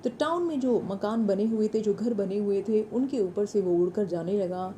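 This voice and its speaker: A woman's voice: medium pitch, warm tone, slight background noise, rough recording. An Indian woman teacher with an Indian English accent, reading an English story line by line and explaining it in Hindi. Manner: reads English lines slowly, then explains in Hindi with word meanings.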